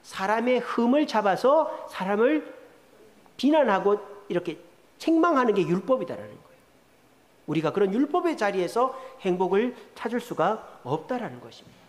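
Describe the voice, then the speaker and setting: A man's voice: high-pitched, in a large hall. A male pastor preaching a sermon, asking the congregation question after question. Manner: lively preaching with rhetorical questions. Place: church sanctuary.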